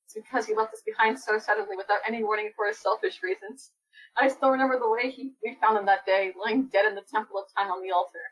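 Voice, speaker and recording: A woman reading the lines of a grieving, stubborn warrior in a solemn, self-reproaching way, with a husky voice. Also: medium pitch, fairly even intonation, fast talker, lightly acted, low-quality recording. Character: grieving, stubborn warrior mourning a fallen comrade. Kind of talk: melodramatic comic reading.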